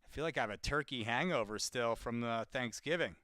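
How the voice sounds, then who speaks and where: Chatty man with a smooth, clear voice. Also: mid-range voice, brisk, sharp tone, dry recording, clean studio sound. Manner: chatty, talks straight to viewers and answers chat; loose, full of fillers and restarts. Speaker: sales caller making live calls. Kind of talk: live-streamed commentary while cold calling.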